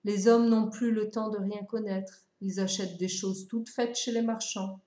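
A woman voicing a patient, wistful fox who explains things calmly and reflectively. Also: medium pitch, moderate pace, roomy sound, lightly acted.

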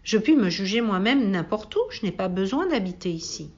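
A woman reading aloud and voicing a gentle, curious little boy prince who talks in an earnest, questioning way. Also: medium pitch, expressive, a little fast, dull audio, close to an everyday voice.

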